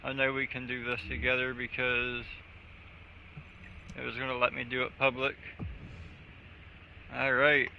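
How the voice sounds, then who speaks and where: Monotone and unhurried, a man with a medium-pitched, vocal-fry voice pauses often while streaming a video game with a friend. He's relaxed, jokey and profane, and the slightly dull recording has game music and a little hiss or hum.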